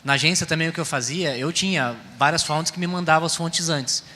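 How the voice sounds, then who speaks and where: A man's voice: a little high, a little fast, pushed and bright. A man with a Brazilian accent talking informally as a panelist in a discussion. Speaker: panelist, type consultant. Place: round table in a reverberant hall. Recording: echoey hall, faint ambient noise.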